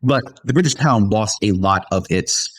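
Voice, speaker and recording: A man with a lowish voice talks through the year's news on his own show, loose and opinionated, with wry asides and frequent fillers. The sound is dry and close, with no room around it. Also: lively intonation, moderate pace, no room sound. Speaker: show host. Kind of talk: solo year-in-review commentary.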